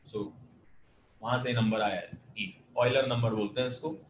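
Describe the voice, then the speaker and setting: An Indian-accented man teaches math over a video call in a patient, explaining way, drifting between Hindi and English. His voice sits in a mid pitch range. The audio is roomy, with a faint hum behind it. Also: steady tone, a little slow. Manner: patient, explanatory, mixes Hindi and English, calls students "beta". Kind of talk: online class lecture.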